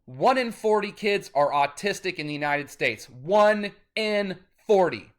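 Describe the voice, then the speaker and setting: A man in his thirties, an independent musician, talking straight to camera in a rambling, cursing vlog rant that turns loud and insistent. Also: high-pitched, animated, unhurried. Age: 30s.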